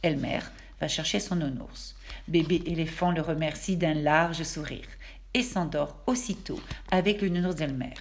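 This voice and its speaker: A teacher, a woman, reading a children's storybook aloud in a clear, expressive manner. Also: on the low side, slight background noise.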